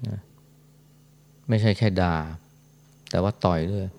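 A monk giving a calm, storytelling dharma talk in a monastery hall. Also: male voice, deep voice, measured pace. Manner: calm storytelling, frequent "na" tag. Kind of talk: sermon.

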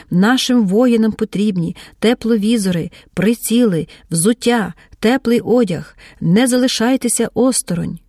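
A woman's voice: on the high side, darkish tone, no echo, clean studio sound. A woman reading a confident male volunteer leader. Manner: confident appeal.

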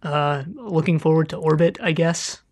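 A young Californian man co-hosts a podcast in casual conversation, laughing often and hesitating with fillers. His voice is fairly high and darkish, at a moderate pace.

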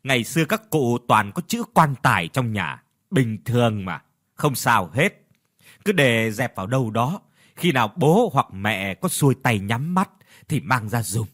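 A man voicing an old village man in a spoken ghost story, calm and reassuring, with a lively, rising and falling delivery. He sounds matter-of-fact. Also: mid-range voice, a little slow.

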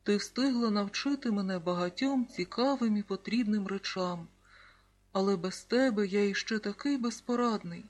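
Earnest young boy in a children's audiobook, read by the narrator, eager and gentle. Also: medium pitch, moderate pace, natural voice. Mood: sad.

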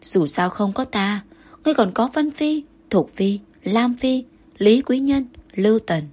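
A woman voicing a proud, jealous young consort who answers in sharp, indignant retorts, with a breathy voice. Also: fairly high pitch, animated, unhurried. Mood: bitter.

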